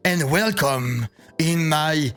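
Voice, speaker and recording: A man in his thirties putting on a goofy game arena leader, announcing the rules in slow, drawn-out English. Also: fairly high pitch, expressive, fairly bright tone, pitched below the performer's own voice, full character voice. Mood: showman announcing. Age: 30s.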